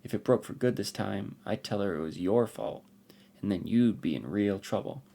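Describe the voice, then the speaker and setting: A man's voice: fairly low pitch, normal speed, vocal fry, warm tone, pitched above the performer's own voice. A man voicing a bold, curious village girl of nearly nine who fires blunt questions.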